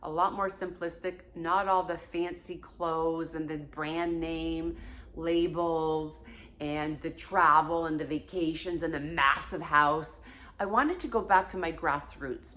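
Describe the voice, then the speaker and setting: A woman's voice: low-pitched, a bit bright. A Portuguese-born woman in her fifties speaking frankly and emphatically in a candid personal monologue from her own home. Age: 50s. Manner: frank and emphatic, swears casually. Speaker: vlogger.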